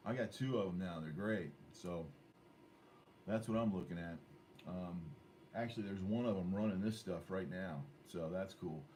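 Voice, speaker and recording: A man's voice: low voice, darkish tone. A man hosting an amateur radio club net in a casual, rambling, jokey way. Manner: jokey, with mock sponsor plugs. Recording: noisy ham radio room recording.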